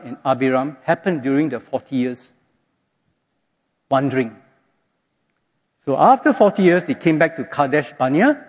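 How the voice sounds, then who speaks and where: A man preaching a sermon, reading scripture aloud and telling the story in an animated way, recorded in a dull, echoey hall. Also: on the high side. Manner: animated storytelling, acts out quotes.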